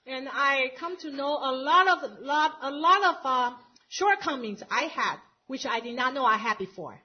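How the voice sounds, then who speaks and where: Woman interpreting live at church, high voice, quick self-corrections, muffled lo-fi recording. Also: expressive, husky. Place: church meeting.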